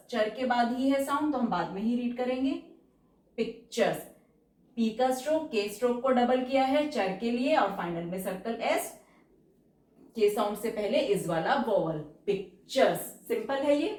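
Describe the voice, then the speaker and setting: A woman teaching shorthand in a patient, step-by-step way, repeating each example word slowly. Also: fairly high pitch, darkish tone, far from the mic. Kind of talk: step-by-step tutorial explanation. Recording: roomy echo, voice from off-mic.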